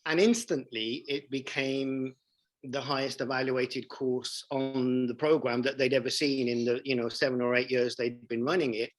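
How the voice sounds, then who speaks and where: A man's voice: mid-range voice, fairly even intonation, normal speed, poor audio. A man in his forties, a leadership coach telling his story as an interview guest, emphatic and enthusiastic, repeating phrases for emphasis.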